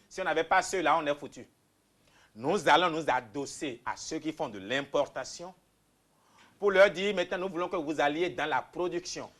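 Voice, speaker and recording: A man from Benin, answering interview questions as a political candidate in an emphatic way that swings from loud bursts to quiet asides. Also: on the high side. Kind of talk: interview answers, campaign pitch.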